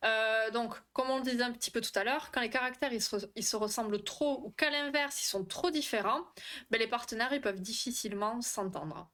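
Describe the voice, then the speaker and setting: A young woman is hosting a relaxed live stream, answering her chat as she goes. She is chatty, swears freely and keeps tripping over her words. Her voice sits a little high. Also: fairly quick. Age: young adult. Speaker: livestream host on relationships.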